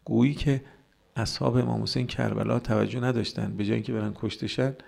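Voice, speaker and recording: Gravelly-voiced man preaching. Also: medium pitch, fairly even intonation, a little mellow. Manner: argumentative, rhetorical questions, mocking quoted voices. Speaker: cleric. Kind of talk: religious sermon.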